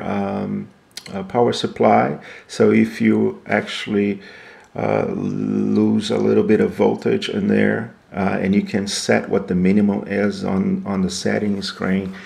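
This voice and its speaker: A product reviewer gives a casual, unscripted walkthrough of equipment, explaining step by step and asking and answering his own questions. His voice is on the low side, gravelly and darkish.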